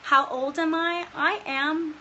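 A woman's voice: sits high, fairly even intonation, slow, sharp tone, muffled recording, a little hiss or hum. A woman in her late thirties hosting a casual livestream Q&A for her fans, earnest and emotional, laughing often and close to tears, talking into a phone held close in a small room. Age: 30s. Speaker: livestream host answering fans. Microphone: phone held close, front-facing.

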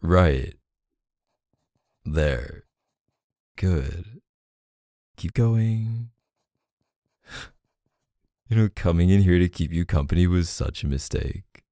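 An audio roleplay performer voices a deep, gravelly, teasing boyfriend in an intimate ASMR roleplay, fully in character. His low, soft, gravelly voice murmurs and teases with hesitant pauses and hums, in a teasing, bossy mood. The studio recording is clean with no echo.

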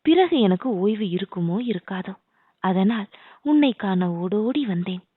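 A woman's voice: medium pitch, expressive, measured pace, dry recording. A woman reading the part of a newly crowned young king, speaking earnestly and tenderly to his beloved. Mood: warm, eager. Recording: dry, tinny phone-like sound.

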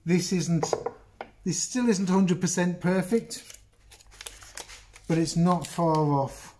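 A middle-aged English man chats his way through a woodworking job, breaking off his own sentences to talk straight to the viewer. His voice sits a little high, recorded on a phone set on the bench. Faint clicks and workshop noise sit behind him. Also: slow pace, warm tone. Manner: chatty, rambling, self-interrupting, talks to the viewer. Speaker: woodworking video host. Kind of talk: casual workshop demonstration. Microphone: phone camera on the bench, moved around.

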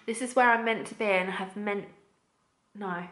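A young woman talking to her vlog camera in a chatty, excited and heartfelt way. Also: medium pitch, moderate pace, echoey room. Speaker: vlogger.

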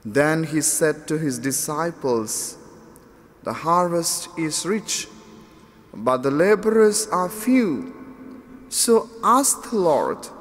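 High-voiced priest with cathedral echo. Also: male voice, lively intonation. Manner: solemn, measured proclamation. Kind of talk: liturgical gospel reading. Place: large church. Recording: long church reverb.

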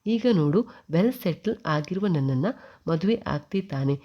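A woman's voice: low-pitched, animated, a little slow, highs cut off. Woman reading an earnest young suitor. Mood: coaxing. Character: earnest young man of 27 proposing.

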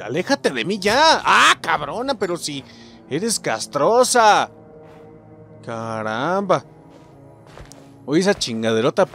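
A young man with a Mexican accent giving let's play commentary, yelping and swearing at every scare. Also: fairly high pitch. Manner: excitable, yelps and swears at scares. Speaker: gameplay streamer.

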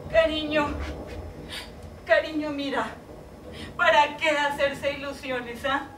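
A woman's voice: sits high, a bit bright. A woman acting a heartbroken woman pleading with her departing lover on the phone, swinging between tender pleading and desperate outbursts. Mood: bitter. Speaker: stage actress. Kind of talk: stage monologue acting. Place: theater stage. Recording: echoey stage from far off, audible noise.

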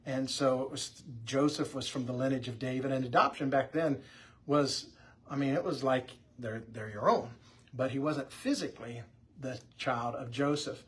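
A man, a pastor, teaching about the Bible in a relaxed, conversational way, often restarting his sentences. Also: mid-range voice, moderate pace, slightly rough. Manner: conversational, with frequent restarts and fillers.

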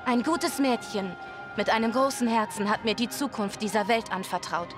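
An actress playing a steadfast young fantasy heroine in a video game, speaking with solemn, earnest resolve. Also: female voice, on the high side, moderate pace, over music, natural voice. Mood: earnest, defiant. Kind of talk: dramatic video game acting.

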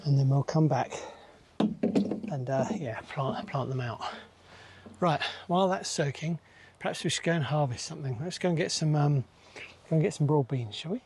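A man's voice: fairly high pitch, moderate pace, pauses often, a little mellow, a little hiss or hum. Easygoing man chatting outdoors. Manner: chatty, easygoing, thinks aloud with many fillers. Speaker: allotment gardener, channel host. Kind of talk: casual narration while gardening. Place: outdoors on an allotment plot.

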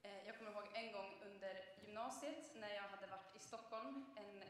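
A woman's voice: medium pitch, steady tone, a bit bright, a little hiss or hum. A young woman preacher giving a conversational sermon, telling a personal story with frequent hesitations. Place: church. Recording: echoey church from a distance.

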